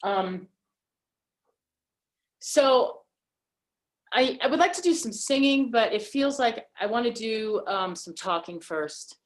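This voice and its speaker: A woman hosting an online holiday gathering, talking casually and haltingly with many fillers over a video call mic. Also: on the high side, animated. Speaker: event host.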